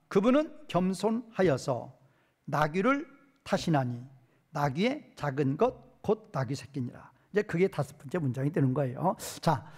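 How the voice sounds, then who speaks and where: A male pastor giving an expository Bible lecture, posing questions to his hearers and answering them himself, reading verses slowly. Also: on the high side, slightly rough. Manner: reads verses slowly and drawn out.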